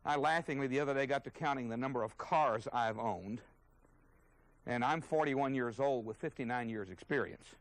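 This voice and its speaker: A man's voice: medium pitch, moderate pace, no room sound, low-quality recording. A man teaching a sermon as a Bible teacher, earnest and emphatic, openly indignant at his subject.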